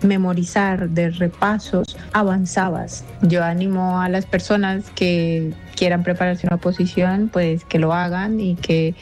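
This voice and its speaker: A woman's voice: fairly low pitch, level tone, measured pace, hardly any pauses, darkish tone, faint music behind. A woman in her thirties from Colombia, giving a thoughtful testimonial with some hesitation. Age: 30s. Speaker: testimonial guest, civil servant.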